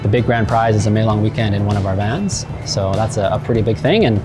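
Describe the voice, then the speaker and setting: A man in his thirties, co-founder of a van company, talking casual and excited in a promotional interview. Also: fairly low pitch, fast, over music. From Canada.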